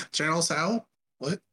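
Joking podcast co-host, halting speech. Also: mid-range voice, pushed and bright, breathy edge. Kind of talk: casual chat.

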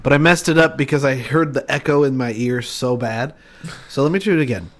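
A man's voice: mid-range voice, brisk. A man co-hosting a comedy podcast in casual chat, goofy and jokey. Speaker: podcast co-host.

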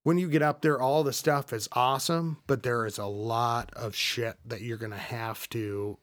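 A man's voice: mid-range voice, steady tone, normal speed, dry recording, clean studio sound. A man hosting a casual podcast, rambling with lots of fillers and restarts. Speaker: podcast host.

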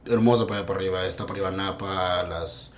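A man with a Mexican accent chatting eagerly, dropping quick agreements and slang. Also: sits low, steady tone, slight background noise. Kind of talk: casual chat.

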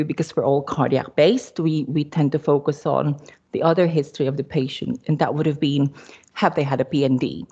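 Filipino lady nurse, low voice, lots of ums, muffled lo-fi audio. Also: a little mellow. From Philippines. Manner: explanatory, hesitant with frequent ums. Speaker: cardiology nurse presenter. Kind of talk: podcast discussion presentation. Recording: dull lo-fi audio.

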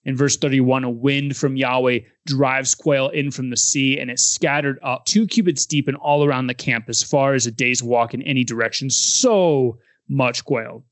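A man's voice: mid-range voice, fairly even intonation, normal speed, hardly any pauses, no room sound. A man co-hosting a casual Bible discussion podcast, animatedly retelling passages and acting out quoted lines. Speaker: podcast co-host.

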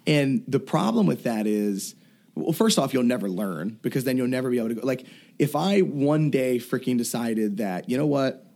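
A man's voice: medium pitch, lively intonation, normal speed, warm tone. A man, a self-defense and fitness coach, talking bluntly and emphatically in a casual interview, swearing freely and restarting his thoughts. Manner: blunt and profane, emphatic, thinks aloud with restarts.

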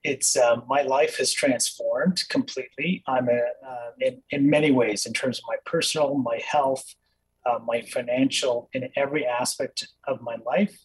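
A man who grew up in Kenya talks as a guest over a video call, earnest and reflective, pausing often on fillers. His voice is husky at a middle pitch. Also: low-quality recording. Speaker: dentist, interview guest. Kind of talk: casual interview.

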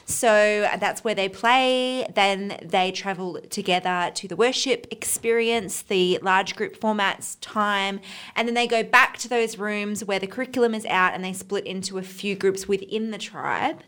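A woman's voice: medium pitch, a little slow, a bit bright, clean tone. An Australian woman on a church podcast, explaining ideas eagerly in a chatty, enthusiastic way. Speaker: children's ministry leader. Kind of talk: casual podcast chat.

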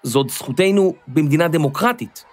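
A man's voice: fairly high pitch, lively intonation, lightly acted. A man voicing a brave, determined girl who speaks out at a protest in a children's storybook. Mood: careful. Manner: forceful and defiant.

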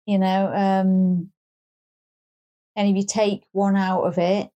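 A woman's voice: mid-range voice, flat delivery, slow pace, warm tone. A woman co-hosting a podcast in a casual chat, playful and self-mocking. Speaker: podcast co-host.

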